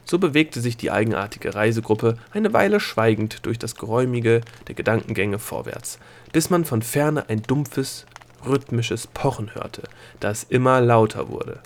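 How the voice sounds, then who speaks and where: A man reading a fantasy audiobook chapter as narrator in an even, measured way. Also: mid-range voice. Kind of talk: scripted narration.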